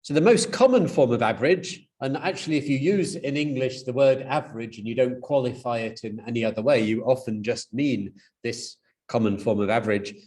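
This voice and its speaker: A man's voice: mid-range voice, brisk, darkish tone. A man giving a university lecture, explaining step by step, with frequent fillers and restarts.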